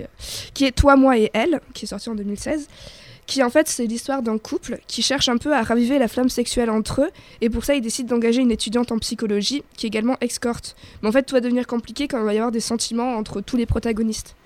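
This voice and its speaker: A woman's voice: a little high, steady tone, quick pace, no room sound. Chatty young woman, dry studio sound. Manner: chatty, many fillers and restarts. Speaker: radio guest presenting TV series. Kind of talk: casual radio chat. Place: small radio studio. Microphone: studio microphone.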